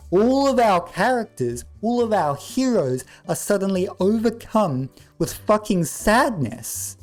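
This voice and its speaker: A man's voice: sits high, a little mellow. A man giving comedic review commentary, sarcastic and exasperated, swearing often. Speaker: movie reviewer.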